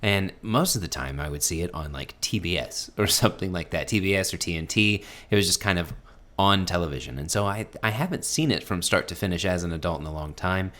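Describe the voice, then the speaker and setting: A man's voice: sits low, lively intonation, a little fast, fairly bright tone. A man co-hosting a podcast, telling personal anecdotes in casual conversation. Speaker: podcast co-host.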